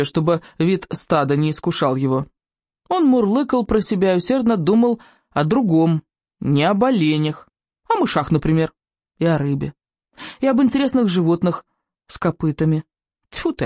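An expressive reader narrating a children's adventure audiobook. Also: medium pitch, no room sound, studio quality. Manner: lively, expressive storytelling.

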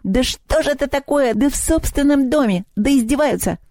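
A woman's voice: sits high, moderate pace, a little mellow, no echo, studio quality, pitched above the performer's own voice. A woman voicing a whiny, mischievous little male house spirit in a storybook reading. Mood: wailing. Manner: wailing, whining, sulky.

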